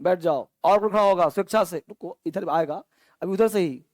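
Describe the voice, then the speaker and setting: A male teacher drilling a class on vocabulary, saying each word slowly and then giving its meaning, and calling students up to answer. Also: high voice, darkish tone, no room sound. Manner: quizzes students, calling on them to stand. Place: classroom with an online stream.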